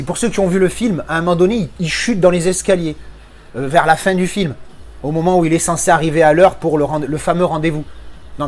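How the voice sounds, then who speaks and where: Man, high-pitched, native French speaker, casual film review, ranting, swearing, stumbling restarts. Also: slight background noise.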